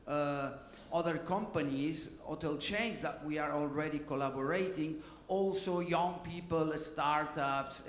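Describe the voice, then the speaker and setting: A man's voice: on the high side, echoey room, slight background noise. A man, speaking informally on a conference panel and often adding "you know" and "okay". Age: 50s. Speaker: hotel innovation panelist. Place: conference hall.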